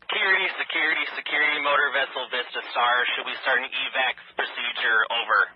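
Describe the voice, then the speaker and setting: A man on a boat radioing urgent updates, repeating his call signs in a hurried way over a marine radio transmission. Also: medium pitch, husky, no echo. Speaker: vessel captain on the radio. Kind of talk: marine radio distress calls. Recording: dull marine radio audio.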